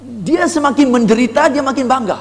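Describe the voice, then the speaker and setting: A man giving a lively sales seminar, animated, asking the audience rhetorical questions and mixing in English phrases. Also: extremely high pitch, a little fast, big-room sound. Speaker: sales trainer. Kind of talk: motivational seminar talk.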